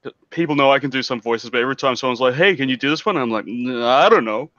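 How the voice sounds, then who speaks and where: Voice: mid-range voice, fast, fairly bright tone, no echo, lo-fi sound. A guest on a stream, chatting casually with jokey, exaggerated reactions. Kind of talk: casual chat.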